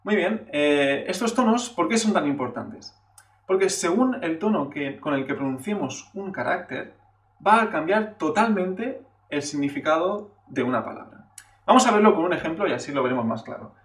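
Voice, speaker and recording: A man with a fairly high, lively voice teaches a Chinese lesson at normal speed in a classroom-style video, explaining patiently. He often checks in with a questioning "eh" and exaggerates sample syllables to show the tones. The recording has a roomy echo, with his voice coming from a distance.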